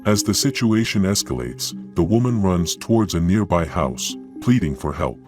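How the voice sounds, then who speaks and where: Male narrator, very low voice, sensational tabloid TV host delivery for scary clip compilation, music underneath. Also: animated, normal speed. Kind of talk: scripted narration, ominous true-crime clip show.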